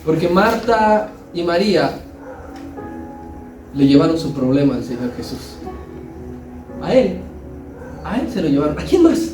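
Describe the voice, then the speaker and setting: A man's voice: on the high side, sing-song, unhurried, long pauses, echoey room, recorded from a distance, over music, rough recording. A man preaching a sermon as pastor, building emphasis and acting out quotes.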